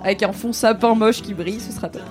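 A woman's voice: mid-range voice, fairly even intonation, quick pace, over music. A woman hosting a podcast, chatting playfully and asking curious questions. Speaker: podcast host. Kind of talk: casual podcast chat.

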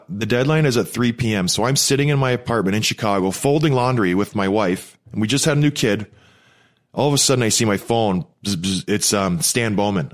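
A man chatting casually and telling rambling stories, breathing through his mouth because of a broken, blocked nose. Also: lowish voice. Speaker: podcast co-host, former pro hockey player. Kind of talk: casual chat, personal storytelling.

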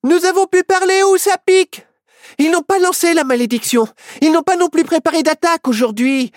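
Myrtille, a reader putting on a shrill excited girl. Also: brisk, dry recording, studio quality. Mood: eager. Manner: urgent, insistent. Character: bold excited young girl heroine.

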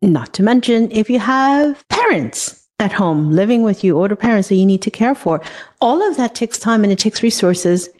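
Animated woman podcast host. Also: medium pitch, normal speed. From Hong Kong. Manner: animated, acts out quoted dialogue. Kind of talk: casual podcast interview.

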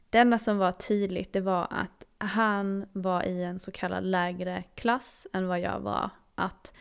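A woman's voice: medium pitch, gravelly, clean tone. A woman telling a personal story in an earnest, intimate way, sometimes dropping to a near-whisper.

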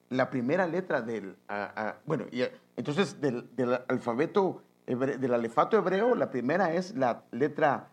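A man's voice: a little high, slightly rough. A man preaching a teaching sermon, explaining patiently and asking the listener rhetorical questions.

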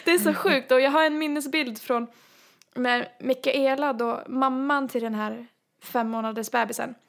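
A woman telling a story in casual chat, animated and full of fillers, acting out quoted lines. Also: high-pitched, gravelly.

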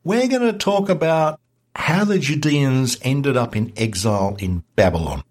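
A man guest on a history podcast, explaining events in a lively, wry conversational way. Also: mid-range voice, unhurried. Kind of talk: casual history chat.

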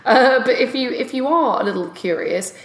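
A woman's voice: a little high, expressive, normal speed. Chatty woman podcast host, roomy sound. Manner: chatty, frequent restarts and "you know". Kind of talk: casual chat. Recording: roomy echo.

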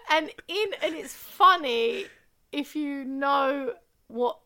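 A woman in a bright, lively voice that sits fairly high. She co-hosts a casual chat from her living room. She tells stories with animation and laughs easily. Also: takes it slowly. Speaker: podcast co-host.

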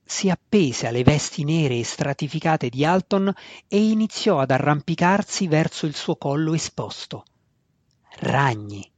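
A man's voice: a little high, animated, moderate pace, darkish tone, no room sound. Man narrating a fantasy audiobook. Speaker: audiobook reader. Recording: dull, dry sound.

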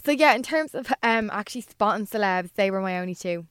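A woman's voice: mid-range voice, animated, fairly quick, fairly bright tone, clear, resonant tone, no room sound, clean studio sound. A woman co-hosting a podcast, telling casual anecdotes in an informal, gushing way peppered with "like". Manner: gushing, informal, frequent "like" asides. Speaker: podcast co-host.

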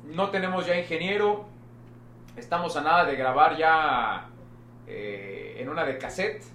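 A Mexican man talks in a loose, joking podcast chat and repeats words as he gets going. His voice sits a little high. It rings in a roomy space with faint background noise. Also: lively intonation, a little slow, gravelly, pushed and bright. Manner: joking, slangy, repeats words when starting. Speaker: podcast host. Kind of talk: casual chat. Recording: echoey room with faint noise.

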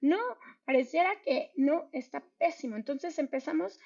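A woman's voice: high-pitched, normal speed, creaky, mellow, muffled recording. A woman, a mental health specialist explaining earnestly in an interview, with many fillers and restarts.

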